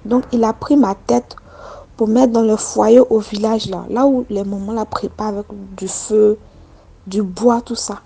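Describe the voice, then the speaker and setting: A woman's voice: medium pitch, steady tone, a little slow, vocal fry, mellow, husky. A woman from Côte d'Ivoire with an Ivorian French accent, telling her own story in a recorded voice message with simple, repeated phrasing. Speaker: story contributor.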